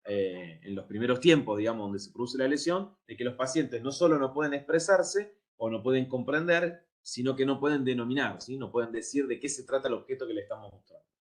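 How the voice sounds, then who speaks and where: A man's voice: mid-range voice, a little fast. A man giving a university lecture, explaining step by step and often checking that his students follow. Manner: explanatory, checks understanding with frequent "¿sí?".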